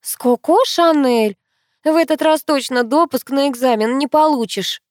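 A woman reading an audiobook, voicing a young female student who is a hesitant, soft-hearted friend. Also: high-pitched, normal speed, no echo, clean studio sound, voice pushed up, lightly acted. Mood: placating. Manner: sighing, hesitant, placating.

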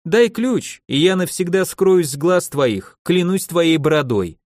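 A man's voice: sits high, animated, a little slow, a little mellow, dry recording, clean studio sound, pitched above the performer's own voice. A man voicing a brash, cheeky young man who talks with insolent mockery in an audiobook. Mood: scheming. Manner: insolent, teasing.

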